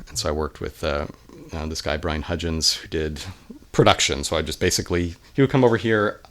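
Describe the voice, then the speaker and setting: A man, a musician guest in a casual interview, talking in a relaxed, rambling way with self-deprecating humor. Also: extremely low pitch. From California, United States.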